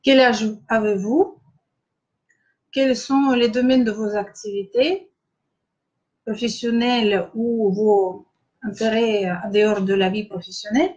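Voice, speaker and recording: A middle-aged Russian woman with a Russian accent hosting a live-streamed masterclass, speaking French hesitantly with many filler pauses and greeting viewers by name. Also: medium pitch, steady tone, darkish tone, lo-fi sound. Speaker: online masterclass host.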